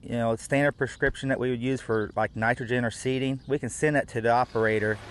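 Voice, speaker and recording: A man's voice: medium pitch, fairly even intonation, fast talker. A middle-aged man, a farmer speaking practically in an on-camera interview outdoors, with fillers. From United States.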